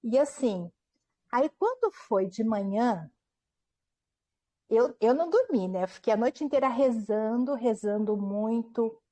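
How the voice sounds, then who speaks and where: A woman's voice: on the high side, measured pace. A woman, a book author, telling a personal story in an interview at home, animatedly acting out what people said and often checking in with her listener. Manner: animated retelling, acting out quoted dialogue, frequent tag questions.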